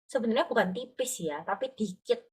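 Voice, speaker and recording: A woman's voice: on the high side, expressive, brisk, slightly rough. A woman tutoring Mandarin, explaining patiently and often checking that her student follows. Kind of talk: online language lesson.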